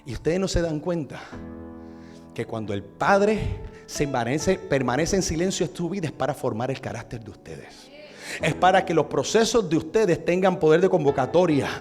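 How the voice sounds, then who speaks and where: Male pastor, high voice, sermon in a church, rhetorical questions, soft music behind. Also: animated, moderate pace. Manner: preaching with rhetorical questions to the congregation.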